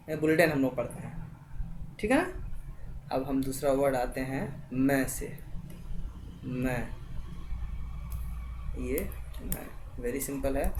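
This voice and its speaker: This spelling lesson features a woman who slowly sounds out each letter and regularly asks "thik hai" to check on her listeners. Her voice is a rumbling low, and the background is noisy.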